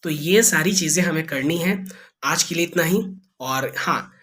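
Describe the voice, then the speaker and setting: A man's voice: a little high, a bit bright. Man drilling vowel sounds in a lesson. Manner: drawn-out vowel demonstrations, repeated with corrections. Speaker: spoken English teacher. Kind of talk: online lesson, explaining in casual conversational Hindi.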